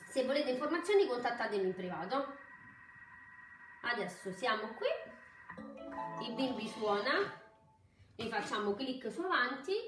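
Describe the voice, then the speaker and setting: A woman giving a live cooking demonstration, chatty, excitable and often apologetic. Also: fairly high pitch. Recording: roomy kitchen echo, faint background noise.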